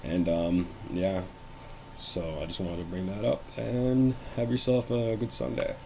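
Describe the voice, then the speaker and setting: A man's voice: fairly low pitch, flat delivery, a little slow, gravelly, mellow, a little hiss or hum, poor audio. A young man hosting his own show, talking casually and bluntly about wrestling, rambling with fillers and swearing. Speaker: host. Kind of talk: casual wrestling commentary vlog.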